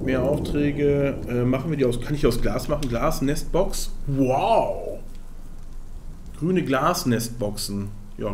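A man's voice: medium pitch, slight background noise. A man streaming a strategy game, thinking aloud, counting under his breath and chatting to his viewers. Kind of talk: casual live-stream gameplay commentary.

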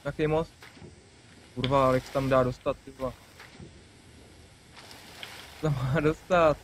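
A young man hosting a gaming video, chatting casually and excitedly with a friend, swearing and laughing often. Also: medium pitch, slight background noise, poor audio. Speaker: gaming channel host. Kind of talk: casual let's-play banter.

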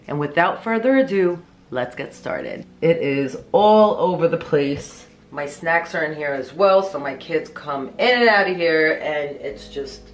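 Very low-voiced woman explaining her cleaning. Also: lively intonation, a little slow, hardly any pauses. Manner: upbeat, explains each step plainly. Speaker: cleaning vlogger. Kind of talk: clean-with-me vlog narration. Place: small home, living room and pantry.

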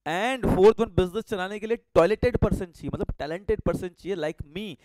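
A man's voice: sits high, fairly quick, a little mellow, no room sound. A man teaching a live online commerce class, joking and telling stories, quizzing students and mixing in English phrases. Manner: mixes Hindi with English phrases.

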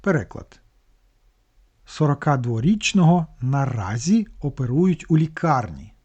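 Dark-toned man patiently explaining grammar. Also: mid-range voice, very animated, unhurried, breathy edge, lo-fi sound. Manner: patient, explains word by word with restarts. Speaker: language teacher. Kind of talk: explaining German grammar in a lesson.

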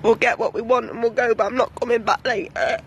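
A woman's voice: a little high, fairly even intonation, fast, a little hiss or hum. A woman vlogging about home life, telling a story in a blunt, down-to-earth way. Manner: blunt, recounting a row. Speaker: home-educating mum vlogger. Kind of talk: casual vlog storytelling.

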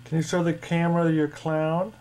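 A woman's voice: low voice, flat delivery, normal speed, mellow, low-quality recording. A woman in a casual home video, asking a small child playful, teasing questions.

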